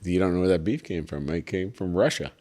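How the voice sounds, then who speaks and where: A man's voice: low-pitched, animated, fairly quick, darkish tone. A man co-hosting a podcast in casual chat, playfully indignant and often laughing. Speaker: podcast co-host.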